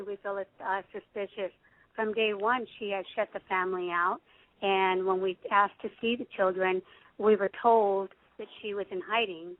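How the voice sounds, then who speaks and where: Woman guest, earnest and halting, dry tinny phone sound. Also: mid-range voice, dry recording. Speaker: guest on a radio show.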